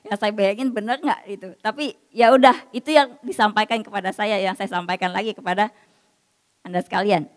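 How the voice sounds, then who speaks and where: A woman's voice: medium pitch, steady tone, a little fast, long reverb tail. A woman preacher giving a casual, story-filled sermon, acting out the voices she quotes.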